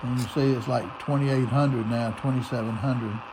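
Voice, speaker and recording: With a steady, medium-pitched voice at normal speed, an American man casually shows off a radio receiver in a hands-on, unscripted tutorial, describing every step. He's a hobbyist, and noisy shortwave static and broadcast sound run behind him throughout.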